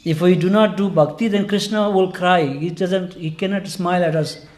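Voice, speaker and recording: A man's voice: sits high, steady tone, normal speed, darkish tone. A man from Nepal, giving an earnest, informal scripture class in a temple hall. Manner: earnest, informal, broken English grammar.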